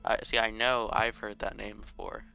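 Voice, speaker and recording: A man's voice: fairly low pitch, flat delivery, moderate pace, gravelly, bright, forceful tone, clean tone, soft background music. A man chatting casually as a player in a tabletop game.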